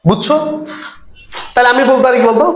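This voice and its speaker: A man's voice: extremely high pitch, quick pace. A man teaching a chemistry class, who keeps quizzing his students and repeating each key term. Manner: repeats key terms for emphasis. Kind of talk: classroom lecture. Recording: echoey room.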